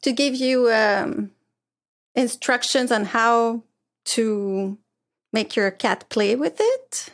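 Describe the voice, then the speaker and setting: Woman, panelist, hesitant, very high pitch. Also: animated, slow pace. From Canada. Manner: hesitant, searching guesses. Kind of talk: comedy panel chat.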